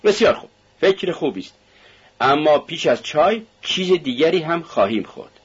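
A man voicing an affable, probing male investigator who talks with smooth, excessive courtesy. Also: fairly high pitch, sing-song, pitched above the performer's own voice, exaggerated voice. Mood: courteous. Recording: dull lo-fi radio recording.

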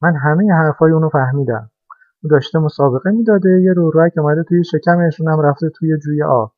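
A man's voice: fairly high pitch, expressive, dry recording. A man voicing a small, timid toy car that whines and insists in a childlike way, as a storybook character. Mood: indignant. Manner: whiny, insistent, easily frightened. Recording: dry, dull lo-fi recording.

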